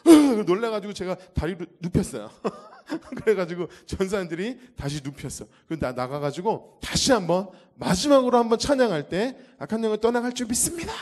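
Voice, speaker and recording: A man giving an animated testimony to a church audience, acting out the scenes as he tells the story. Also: sits high, brisk, few pauses. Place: church hall.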